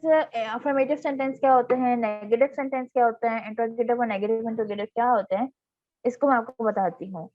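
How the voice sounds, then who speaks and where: A woman teaching an online grammar class, explaining patiently and reading examples slowly. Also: high-pitched, no echo. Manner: patient explaining, reading English examples slowly, frequent "theek hai" check-ins. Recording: tinny phone-like online class audio.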